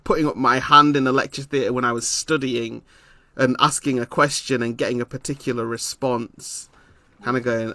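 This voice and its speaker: Man from Leeds, reflective conversational delivery, mid-range voice, dry close sound, frequent pauses. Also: mid-range voice, pushed and bright, no echo. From Leeds, England. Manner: thoughtful, hesitant with frequent ums; laughs often while telling stories. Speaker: interviewer.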